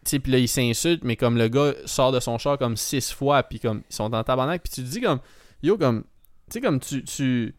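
A man's voice: mid-range voice, expressive, moderate pace, dry recording. A man with a Québécois French accent telling a story in a casual chat, rambling with lots of fillers and dropping in English words.

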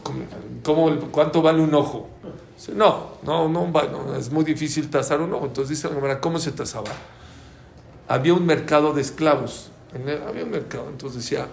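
Animated man teaching a class. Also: a little high, vocal fry, slight background noise. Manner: animated, asks the audience questions. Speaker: Torah teacher. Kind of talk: Talmud class for a live audience. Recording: roomy room with faint ambience.

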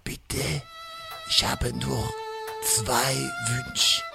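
A theatrical cheese crown prince, gravelly and bright. His pitch swoops wildly and he drawls slowly through grand mock-pompous lines. Faint music plays behind him. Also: wildly swooping pitch, exaggerated voice. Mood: scheming whisper. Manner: melodramatic, mock-pompous, drops to a hoarse whisper. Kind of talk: comedy audio sketch.

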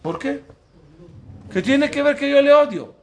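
A man teaching a Torah class as a rabbi, with a high voice and an unhurried, deliberate pace. He keeps turning to his listeners with questions and acts out the voices of the people in his stories. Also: expressive, darkish tone. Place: room with a live class.

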